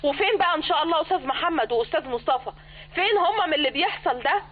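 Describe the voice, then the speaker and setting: A furious daughter on the phone. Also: female voice, high voice, lively intonation. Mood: outraged. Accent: Egyptian. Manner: outraged, rapid protesting. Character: indignant grown daughter, furious at father's remarriage. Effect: telephone. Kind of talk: Egyptian radio drama. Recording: tinny phone-line sound.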